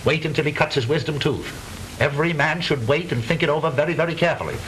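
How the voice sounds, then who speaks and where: An actor playing a blustering, easily flustered middle-aged father in stagey 1920s comedy film style, halting and repeating himself. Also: fairly high pitch, a bit bright, lightly acted, low-quality recording. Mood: blustering, stern. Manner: stagey old movie actor delivery, blustering, halting repetitions. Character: blustering, lonesome widowed father, flustered businessman. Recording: hissy 1920s film soundtrack.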